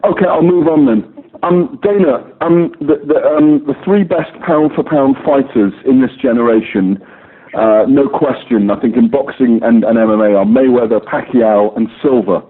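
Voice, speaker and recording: A man's voice: mid-range voice, normal speed. A man, a sports journalist asking wordy, persistent questions on a press call. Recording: narrow telephone line.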